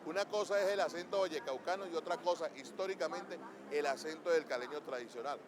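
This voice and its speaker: A man's voice: a little high, a little fast, a crowd in the background. A man, a cultural consultant, explaining local speech assertively in a street interview. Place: outdoor city street.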